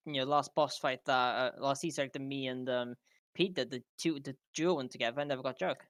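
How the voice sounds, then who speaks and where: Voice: mid-range voice, fairly even intonation, brisk, a bit bright, no room sound, studio quality. A podcast guest talking casually about a video game, often repeating and stumbling over words. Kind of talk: casual gaming podcast chat.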